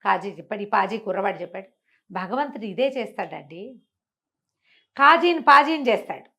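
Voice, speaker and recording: This storyteller's medium-pitched voice is pushed and bright, with lively intonation at a normal speed. She recounts a moral fable with energy, playing out its dialogue and asking rhetorical questions along the way.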